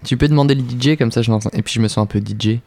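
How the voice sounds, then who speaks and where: A man's voice: mid-range voice, racing, darkish tone. A man co-hosting a radio show, making playful, teasing remarks to the guest. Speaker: radio co-host. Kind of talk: casual radio interview chat.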